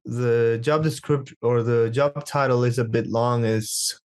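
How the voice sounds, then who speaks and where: A young man from Guatemala speaks as a guest on a podcast in an everyday mid-range voice. He talks casually, pausing and restarting often as he hunts for the right words. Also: medium pitch, steady tone, a little mellow, clean tone. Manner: halting, searching for words with restarts. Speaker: guest psychotherapist.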